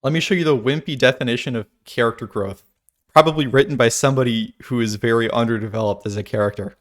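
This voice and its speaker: A man's voice: mid-range voice, fast. A man giving a casual philosophical monologue, thinking aloud with restarts and asides. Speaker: video creator.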